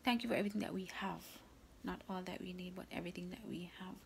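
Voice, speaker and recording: Woman vlogger, whispered morning vlog, gravelly, flat delivery, faint hiss behind. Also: fairly low pitch. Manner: soft whispering, unhurried.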